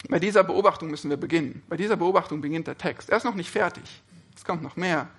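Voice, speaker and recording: Bright-voiced man preaching a sermon. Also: a little high, fast, breathy edge. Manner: earnest, rhetorical questions to listeners.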